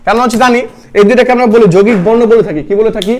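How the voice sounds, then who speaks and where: A young man with a notably high voice runs a live online grammar class. He repeats every question several times, quizzes his viewers and reads out their comment answers. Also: steady tone, racing, darkish tone. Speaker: admission test tutor.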